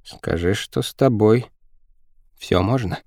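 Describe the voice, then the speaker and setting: A man voicing a frantic, bossy and spiteful girl in an audiobook, with shrill, scolding and hurried whispered lines. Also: a little mellow, no echo, clean studio sound. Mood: urgent whispering.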